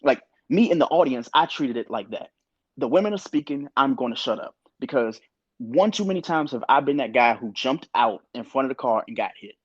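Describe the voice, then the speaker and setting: A young adult man co-hosting a podcast, talking in an animated, opinionated way and sometimes quoting others. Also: medium pitch, fairly quick, breathy edge, dry recording, muffled recording. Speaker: podcast co-host. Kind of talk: casual podcast discussion.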